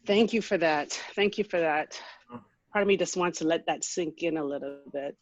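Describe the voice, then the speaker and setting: A woman's voice: sits low, moderate pace, no room sound. Woman from Jamaica, panel moderator, conversational storyteller, dry muffled audio. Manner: warm, conversational, animated storyteller. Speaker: moderator, business school dean. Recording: slightly dull lo-fi audio.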